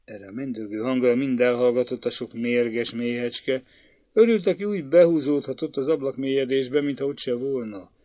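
A man narrating a story in a measured, dramatic reading. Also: medium pitch, dry recording. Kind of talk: audiobook narration. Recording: dull lo-fi dry recording.

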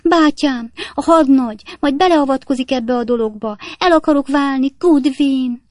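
A self-pitying married lady in a storybook, put on by a woman reader, wails and sobs her grievances in a high, strained voice. The sound is close and dry, with no room around it. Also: darkish tone, no echo, close to an everyday voice. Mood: sobbing. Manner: sobbing, wailing, dramatic.

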